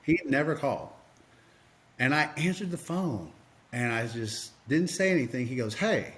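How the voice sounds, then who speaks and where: A man's voice: mid-range voice, moderate pace, a bit bright. A man, a podcast guest and coach, tells a personal story earnestly, with lots of fillers and restarts.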